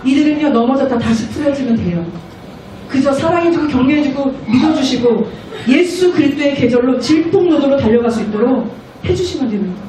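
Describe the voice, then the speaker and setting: A high-voiced woman missionary preaching with lively energy, now and then slipping into children's voices. She sounds distant from the mic in a strongly echoing church hall, with faint room noise underneath. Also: fairly quick. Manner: animated, acts out children's voices. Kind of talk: sermon at a prayer meeting. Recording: echoey room, mic far off.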